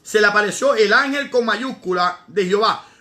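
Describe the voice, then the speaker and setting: A man preaching and teaching scripture in a live stream, his voice pitched high and bright. He is emphatic, repeats words for stress and reads verses aloud between his explanations. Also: moderate pace. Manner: greets viewers by name in between. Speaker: evangelist preacher.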